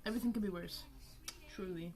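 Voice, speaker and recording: A young woman talks on a home live stream in a loose, rambling way, poking fun at herself and swearing as she goes. Her pitch sits in a middle range. Music plays clearly behind her voice. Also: quick pace. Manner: rambling, self-mocking, swears freely. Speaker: art streamer. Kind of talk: casual live-stream chat.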